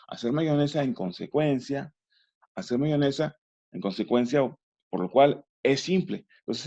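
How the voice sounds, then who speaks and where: A man teaching a remote grammar lesson, patient and methodical, pausing to ask if it's clear. His voice is dark and gravelly, heard through a dull, lo-fi recording. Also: medium pitch. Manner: patient, explanatory, often checks understanding.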